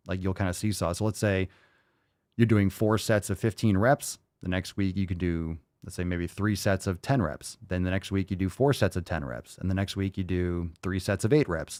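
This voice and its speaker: A man in his late thirties hosting a fitness livestream, answering viewer questions in a loose, conversational way that thinks out loud with fillers and restarts. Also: sits low, normal speed, dry recording, clean studio sound. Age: 30s.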